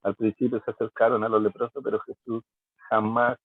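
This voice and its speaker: Student, lower man's voice, emphatic, dry tinny line. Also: level tone, brisk, husky, no room sound. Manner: emphatic, repeats for stress. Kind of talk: class contribution over a call.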